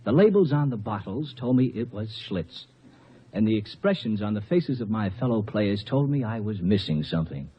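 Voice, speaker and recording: In this muffled old radio recording, a young adult man uses a fairly low, husky voice that swings widely in pitch at a normal pace. Playing a shy, clumsy amateur actor for a 1950s commercial, he recounts his tale in a halting, mock-formal way with a sheepish air.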